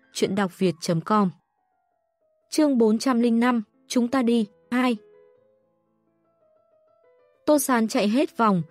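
A woman narrating an audiobook in a steady, even reading voice. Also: on the high side, no echo. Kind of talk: scripted narration.

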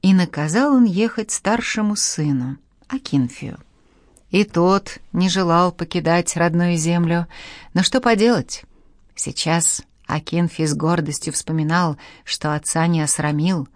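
A woman reading a historical novel aloud as an audiobook narrator, with steady, even storytelling. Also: fairly low pitch, measured pace, dry recording, clean studio sound. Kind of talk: scripted narration.

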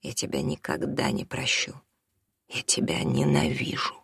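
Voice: mid-range voice, unhurried, creaky, no room sound, studio quality. A reader voicing a bitter teenage son who speaks to his parents in a sarcastic, accusing way. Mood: cold. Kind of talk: audiobook character reading.

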